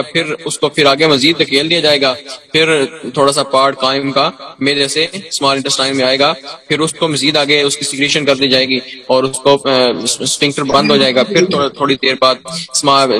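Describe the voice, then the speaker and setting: A man's voice: medium pitch, sharp tone, rough recording. A male teacher giving a lecture, reading lines of English text aloud and then explaining each one, with frequent check-ins to his listeners.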